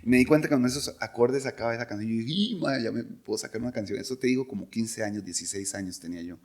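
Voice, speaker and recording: Middle-aged Costa Rican man, relaxed rambling storyteller, chuckles between stories. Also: mid-range voice, rapid-fire. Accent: Costa Rican Spanish. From Costa Rica. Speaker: podcast guest, singer. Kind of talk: casual conversational storytelling.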